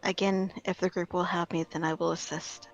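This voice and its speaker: A woman playing a gentle, earnest fae-touched woman in a tabletop game, speaking in measured, philosophical riddles. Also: lowish voice, flat delivery, dull audio, natural voice. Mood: humble.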